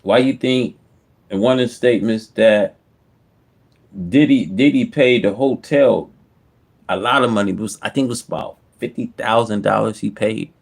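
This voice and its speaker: Man, lowish voice, casual commentator, slangy, repetitive, off the cuff. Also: moderate pace, vocal fry. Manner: repetitive, conversational, slangy emphasis. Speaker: online commentator.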